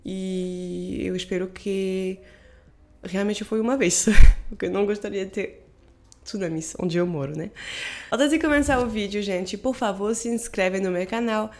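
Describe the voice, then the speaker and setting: A woman's voice: mid-range voice, a little slow, darkish tone. A young woman from France speaking with a French accent, sounding stuffy from a cold, chatting casually and laughing as she hosts a reaction video. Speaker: YouTube reaction host.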